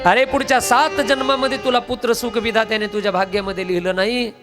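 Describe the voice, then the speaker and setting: A man's voice: extremely high pitch, steady tone, fast, over music. A man voicing a wise, stern holy man who solemnly chants scripture verses while telling a devotional story.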